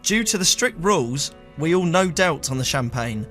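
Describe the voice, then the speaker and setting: A man hosting a comedy podcast, telling a funny personal story in a dry, deadpan way and stumbling a little when teased. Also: on the high side, moderate pace, faint music behind. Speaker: storyteller host. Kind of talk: comic storytelling with banter.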